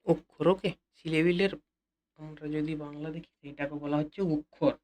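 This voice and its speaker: A man teaching an English lesson in a Bengali accent, repeating key phrases slowly and speaking directly to his students. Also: fairly high pitch, steady tone, darkish tone. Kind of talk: classroom-style lesson explanation.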